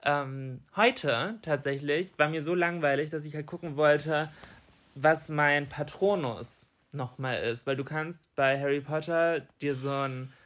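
Male podcast co-host, slightly higher-pitched, easygoing colloquial delivery in an informal conversation. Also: unhurried, a bit bright. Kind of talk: casual chat.

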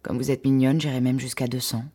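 A woman's voice: a bass voice, flat delivery, fairly quick, dark tone, breathy edge. A woman voicing a pushy, creepy, skinny young man in her story, speaking insistently and smarmily. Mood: smarmy.

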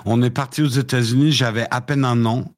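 A man's voice: mid-range voice, steady tone, brisk. Middle-aged man recalling his past. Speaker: interview guest. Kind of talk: casual podcast interview.

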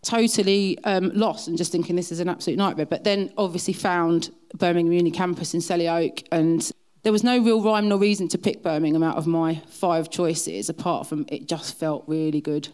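Speaking in a lowish, smooth voice with a darkish, steady tone at normal speed, this middle-aged Essex woman from south-east England is an interview guest. She shares anecdotes casually, poking fun at herself.

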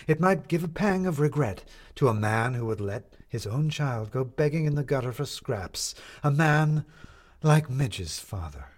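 A man reading a story, voicing a grandiose male showman who milks a crowd with drawn-out proclamations. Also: lively intonation. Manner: theatrical, booming, drawn-out proclamations.

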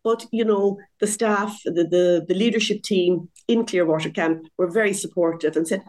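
A woman in her sixties, a guest telling her story in a lively, conversational interview, laughing often at herself. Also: fairly low pitch, normal speed. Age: 60s.

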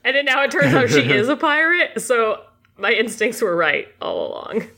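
A woman's voice: a little high, sing-song, normal speed, vocal fry, sharp tone, a little hiss or hum. Chatty woman playing a tabletop game. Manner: chatty, playful. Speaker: player. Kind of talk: casual tabletop play.

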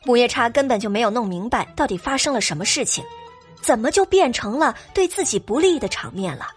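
A woman's voice: fairly high pitch, expressive, a little fast, soft background music. A woman narrating an audio drama expressively.

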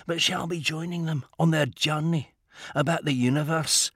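A man voicing a calm, precise inventor who speaks in a measured, quiet and faintly reproachful way. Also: fairly high pitch, husky, dry recording, clean studio sound.

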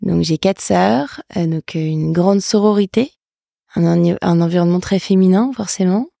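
A middle-aged woman from northern France, an entrepreneur guest, talking in a relaxed way with frequent hesitations. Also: fairly low pitch, moderate pace, gravelly, dry recording, studio quality. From Lille, northern France. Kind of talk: interview conversation.

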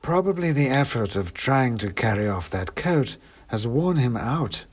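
A man voicing a sly, taunting giant male cat, speaking in a slow, throbbing, whispery voice as he reads an audiobook. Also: mid-range voice, sing-song, slightly rough, voice pushed up. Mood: mocking. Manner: slow, drawn-out, mocking. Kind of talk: audiobook reading.

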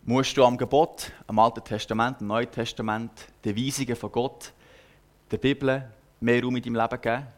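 Young Swiss man, casual sermon storyteller, earnest and hesitant, mid-pitched voice. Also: level tone, normal speed. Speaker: preacher. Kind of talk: personal sermon.

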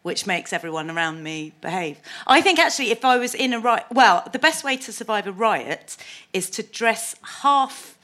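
A woman's voice: medium pitch, animated, normal speed, sharp tone. A woman telling wry, joking anecdotes as a guest on a comedy panel. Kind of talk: humorous anecdotal panel chat.

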